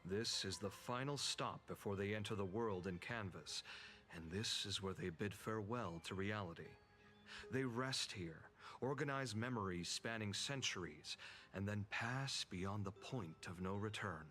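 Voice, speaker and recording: Calm game guide, lowish voice, slow measured explaining, soft music under it. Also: male voice. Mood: solemn. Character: calm male guide of an artists' retreat.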